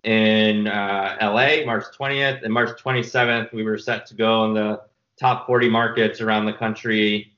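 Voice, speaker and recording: Male filmmaker guest, bright voice, rambling casual storytelling, slightly muffled audio. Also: lowish voice, flat delivery, moderate pace, echoey room. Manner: rambling, restarts with many fillers.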